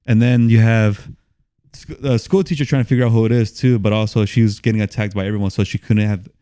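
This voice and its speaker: A man's voice: lowish voice, fairly even intonation, fast, mellow, clean tone, no room sound, clean studio sound. A man co-hosting a casual movie podcast, laughing often, swearing and animatedly retelling scenes. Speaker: podcast co-host.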